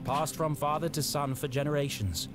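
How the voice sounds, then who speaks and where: A man's voice: fairly high pitch, normal speed, lightly acted. A man playing a wry, theatrical storybook narrator in a video game. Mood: wry, solemn. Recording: music behind the voice.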